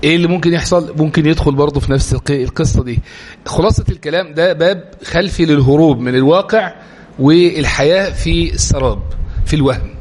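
Fast-talking Egyptian religious lecturer. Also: male voice, on the high side. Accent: Egyptian Arabic. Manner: animated, rhetorical questions, explanatory. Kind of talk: lecture to a live class.

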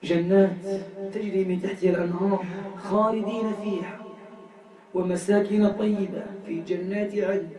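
A man leading a Quranic healing session. He chants verses in long melodic lines, then speaks sternly and quickly. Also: high voice, steady tone, warm tone, echoey room, far from the mic, rough recording. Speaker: Quranic healer.

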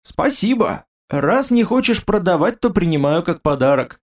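A man's voice: sits high, big pitch swings, normal speed. Storybook king, blunt and ironic, talks plainly to commoners, as a narrator puts him on. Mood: jovial. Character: gruff young male king, boastful and blunt.

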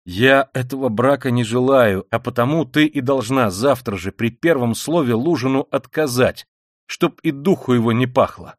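A man's voice: medium pitch, expressive, normal speed, no room sound, studio quality, natural voice. A man reading an audiobook voices a feverish, exhausted young man who speaks in irritable, clipped demands. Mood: commanding.

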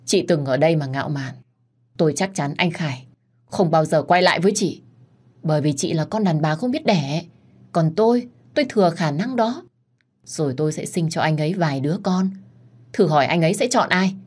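Shrill spiteful young mistress, whiny and high, read by a woman. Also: animated, a little fast, darkish tone, slightly rough. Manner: shrill, whining.

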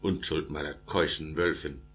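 A man's voice: rumbling low, steady tone, normal speed, fairly bright tone, dull audio. A man voicing a wronged, self-pitying male wolf in a storybook, speaking in rhythmic verse.

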